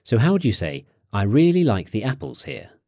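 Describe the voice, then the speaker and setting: A man narrating a language course, asking prompting questions and explaining grammar in a clear, instructive way. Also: mid-range voice, big pitch swings, normal speed, dark tone, no echo, studio quality.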